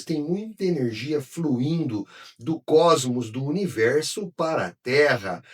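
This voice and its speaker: Husky older man teaching. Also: medium pitch, far from the mic. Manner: emphatic, addresses viewers directly, bursts into shouts. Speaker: Kabbalah teacher. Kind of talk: spiritual teaching to camera.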